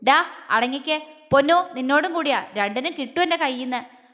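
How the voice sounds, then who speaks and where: A protective young man, voiced by a woman storyteller, teases and scolds with warm affection. His lines come in her own high voice with a long hall reverb. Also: animated, moderate pace, faint music behind. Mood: fond, firm.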